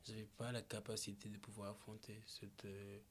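A man from Malawi talking slowly and thoughtfully as a podcast guest, with searching pauses and restarts. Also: lowish voice, little pitch movement, slight background noise. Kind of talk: reflective conversation.

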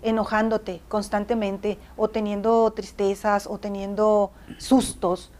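A woman's voice: medium pitch, flat delivery, a little slow, darkish tone. A woman telling her story in casual conversation, acting out dialogue and laughing often.

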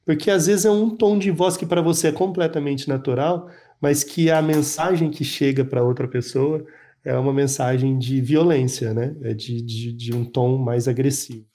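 A man, telling an emotional personal story as a panel guest, reflective and halting. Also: mid-range voice, steady tone, warm tone. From Brazil.

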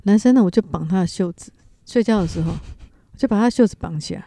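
A woman's voice: medium pitch, fast talker, vocal fry, dark tone, dry recording. A woman co-hosting a podcast, telling stories in a playful, mock-innocent way. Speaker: podcast co-host. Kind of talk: casual storytelling chat.

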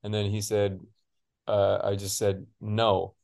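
Laid-back male co-host with a low-ish voice who rambles and swears casually. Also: monotone, slow pace, creaky, darkish tone. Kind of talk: casual podcast chat.

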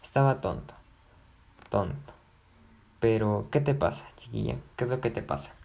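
A man reading as a lovesick young gentleman. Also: fairly low pitch, animated, normal speed, creaky. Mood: coaxing. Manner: earnest, pleading, repeating himself. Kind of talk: audiobook narration.

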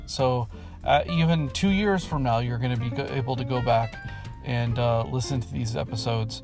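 A man hosting a casual religious podcast from inside a camper van, talking in a halting, conversational way that trails off. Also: medium pitch, gravelly, over music. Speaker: podcast host.

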